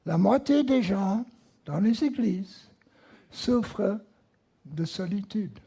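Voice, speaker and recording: Slow, emphatic preacher with an American accent. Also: male voice, sits high, lively intonation, creaky, mellow, slightly rough. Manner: slow, emphatic, repeats key words. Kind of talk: sermon. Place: church.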